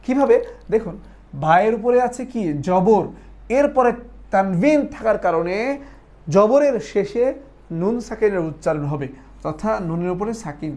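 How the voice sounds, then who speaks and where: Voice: mid-range voice, lively intonation, moderate pace, long pauses, warm tone. A Quran recitation teacher in an online class who explains things patiently, one step at a time. The teacher keeps asking the class a question and then answering it, repeating each point so it sticks. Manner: asks questions and answers them, repeats for drilling. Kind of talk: online lesson.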